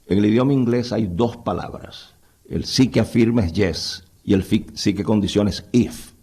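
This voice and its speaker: Gravelly-voiced man giving a Bible lecture. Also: fairly low pitch, moderate pace, a little mellow. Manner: conversational, addresses listeners with rhetorical questions. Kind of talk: doctrinal lecture to a live audience.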